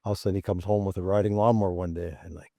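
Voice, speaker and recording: A man's voice: low-pitched, fairly even intonation, very fast, mellow, dry recording, studio quality. A man co-hosting a casual podcast chat, telling rambling anecdotes peppered with chuckles. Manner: rambling anecdotes with laughs and restarts. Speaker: podcast co-host.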